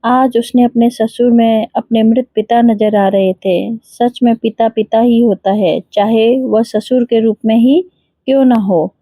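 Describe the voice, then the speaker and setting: A woman narrates a family story in a calm, steady voice. Her tone is fairly high but mellow and warm. She is recorded dry and close. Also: a little slow, dry recording.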